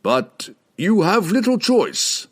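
A man reading aloud, voicing an old male wizard who speaks slowly and ominously. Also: sits high, sing-song, slightly rough, pitched above the performer's own voice, exaggerated voice. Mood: grave. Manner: slow, measured, ominous delivery.

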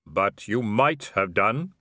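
Slow, mild Death, as a male narrator puts him on. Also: lowish voice, animated, sharp tone, no room sound, clean studio sound, exaggerated voice. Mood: calm. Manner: slow, measured, politely matter-of-fact. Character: tall dark robed Death, calm, slow, mild. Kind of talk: audiobook character voice.

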